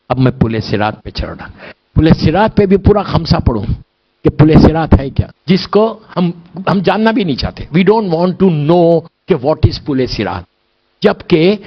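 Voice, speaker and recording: High male voice, emotional sermon, hushed then fervent, dull muffled recording. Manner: swings between hushed storytelling and loud impassioned preaching. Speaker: Shia preacher giving a majlis. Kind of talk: emotional Urdu sermon with English words. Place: imambargah hall with a gathered crowd.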